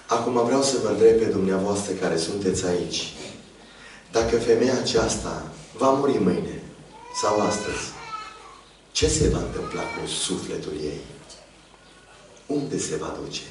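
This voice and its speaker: A man preaching a sermon to a congregation, swinging from soft, low asides to high, impassioned calls. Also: pauses often, a little hiss or hum. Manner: addresses congregation as "dragii mei". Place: church hall. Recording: very echoey church hall from far off.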